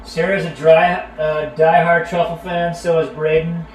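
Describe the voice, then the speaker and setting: A man's voice: on the high side, unhurried. A middle-aged man co-hosting a live cooking stream, chatting casually with viewers and his kids. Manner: relaxed, chatty, talks to viewers and kids by name. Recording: roomy sound from a distant mic, faint background noise.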